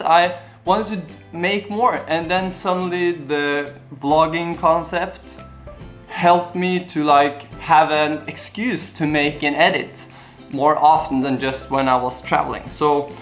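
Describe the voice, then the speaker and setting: Slightly high and a bit bright, the voice belongs to a young vlogger from Norway with a Norwegian accent. He casually answers viewer questions straight to camera, earnest and meandering, keeping his phrasing simple.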